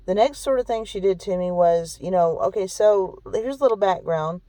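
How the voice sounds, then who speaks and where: A woman's voice: mid-range voice, moderate pace, dark tone, no room sound, low-quality recording. Woman telling a painful story, dry sound. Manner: emphatic, repetitive, keeps adding "okay?" and "really"; emotionally shaken when recounting hurt. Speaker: vlogger. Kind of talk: personal storytelling to camera.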